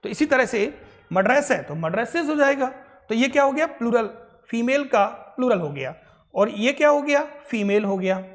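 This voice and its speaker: A man's voice: very high-pitched, animated, moderate pace, in a large hall. A male English grammar teacher gives a classroom lecture in Hindi mixed with English. He keeps repeating answers and checking in with short tag questions. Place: coaching classroom.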